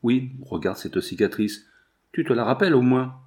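A man reading aloud, voicing a grief-stricken elderly general who laments in a lower, shaken voice. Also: expressive, normal speed, a little mellow, lightly acted. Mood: anguished.

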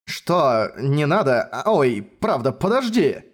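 A man's voice: mid-range voice, big pitch swings, takes it slowly. A man reading a smug mischievous young man. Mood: pleading. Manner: playful, smug, mock-villainous. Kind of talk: audiobook dialogue reading.

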